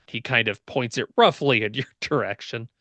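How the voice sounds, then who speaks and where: A man's voice: medium pitch, moderate pace, bright, forceful tone, dry recording. A man narrating a tabletop fantasy game as game master, describing the scene in short phrases.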